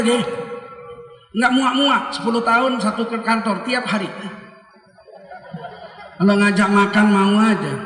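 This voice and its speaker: A man gives a humorous sermon, animating little scenes of everyday talk. His voice sits high and bright. He is recorded at a distance in an echoey hall. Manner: lively, acts out dialogues with raised voice. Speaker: preacher.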